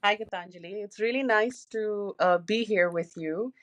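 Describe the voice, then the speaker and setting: A woman's voice: mid-range voice, normal speed. Candid woman in her thirties. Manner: candid, open, uses many fillers like "you know". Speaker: podcast co-host. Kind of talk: casual personal podcast talk.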